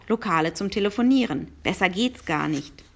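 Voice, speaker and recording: A woman's voice: mid-range voice, expressive, moderate pace, gravelly. A woman reading aloud and voicing a clever, earnest boy who leads the group in a slightly prim manner. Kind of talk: reading a children's novel aloud.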